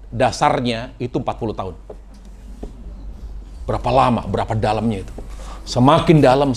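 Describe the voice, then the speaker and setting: Animated male preacher giving a sermon. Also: medium pitch, slight background noise. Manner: dramatic, swinging from loud exclamations to hushed near-whispers.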